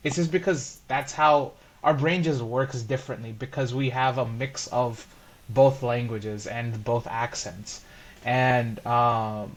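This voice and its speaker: A man in his twenties from Ohio with an American accent, talking in a relaxed, chatty way and saying "like" often. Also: mid-range voice. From Columbus, Ohio, USA. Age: 20s. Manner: relaxed, chatty, says "like" and "bro". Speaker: co-host. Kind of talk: casual chat.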